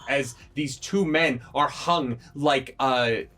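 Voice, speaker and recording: A man's voice: medium pitch, takes it slowly, fairly bright tone. Man narrating a tabletop horror game. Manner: vivid, grisly description. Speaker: game master.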